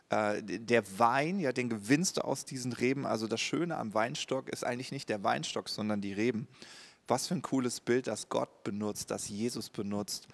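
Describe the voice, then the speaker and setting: A man's voice: mid-range voice, creaky. A man preaching a sermon as a pastor, speaking straight to the listener and often checking in with a short "ja?". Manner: direct address with frequent "ja?" check-ins.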